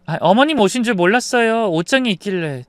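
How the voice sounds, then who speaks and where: A man's voice: high voice, animated, fast, no room sound, voice pushed up. A man voicing a sly young daughter-in-law who lies with feigned innocence. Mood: evasive.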